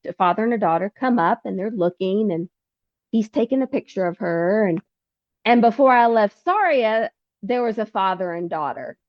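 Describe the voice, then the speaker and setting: A woman guest telling her story in a casual, animated way, acting out conversations with laughter. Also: mid-range voice, no room sound, lo-fi sound. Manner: animated, acts out dialogue with laughs. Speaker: podcast guest, pilgrim.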